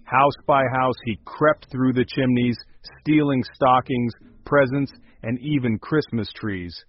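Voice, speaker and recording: A man narrating a scripted storybook in an even, smooth manner, over a dull recording with faint music. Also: mid-range voice, a little slow.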